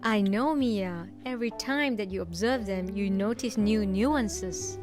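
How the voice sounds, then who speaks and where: A woman's voice: mid-range voice, unhurried, over music. A woman speaks conversationally as an interviewer and companion to a guide.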